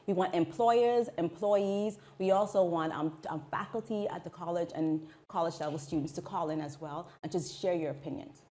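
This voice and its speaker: A woman's voice: on the low side, normal speed, hardly any pauses. A woman in her forties, an education researcher, speaking animatedly as a guest in a television studio interview. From Bahamas. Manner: animated, gestures while talking, acts out quoted voices. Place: small indoor TV studio.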